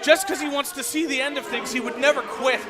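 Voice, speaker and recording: A man working as a wrestling commentator, giving excited live play-by-play with exclaimed calls. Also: extremely high pitch, fast talker. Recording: loud venue crowd behind. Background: live crowd.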